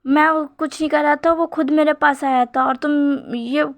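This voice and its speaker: A woman's voice: high voice, fairly even intonation, moderate pace, voice pushed up. A woman voicing a tearful, protesting young man in a fanfic retelling, her own voice lifted slightly.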